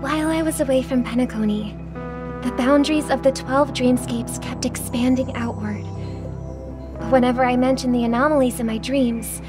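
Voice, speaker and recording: An actress voicing a graceful young singer, speaking softly and earnestly in a video game. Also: female voice, high voice, fairly even intonation, normal speed, lightly acted. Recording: game audio with music behind.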